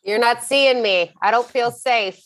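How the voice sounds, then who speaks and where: A woman's voice: fairly high pitch, measured pace, no room sound. A woman hosting a podcast interview, upbeat and playful. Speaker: podcast host.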